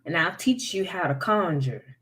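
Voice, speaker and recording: A woman voicing a menacing male swamp monster who taunts and schemes in a gruff way, for a read-aloud folktale. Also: lowish voice, expressive, normal speed, fairly bright tone. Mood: dismissive.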